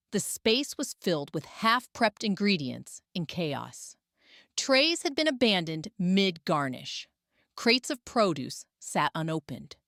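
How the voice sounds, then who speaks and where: Female story narrator, low-set and lively, dry close recording. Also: no room sound.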